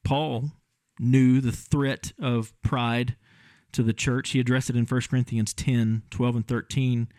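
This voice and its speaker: A man's voice: medium pitch, level tone, measured pace, darkish tone, dry recording. A male pastor giving a conversational sermon and acting out scenes in different voices.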